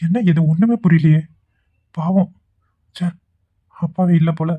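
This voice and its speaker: A man's voice: fairly high pitch, a little slow, no room sound. A man voicing a kindly middle-aged relative in a cartoon, speaking earnestly and soothingly. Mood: pitying. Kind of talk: cartoon voice acting. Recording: dry, tinny phone-like audio.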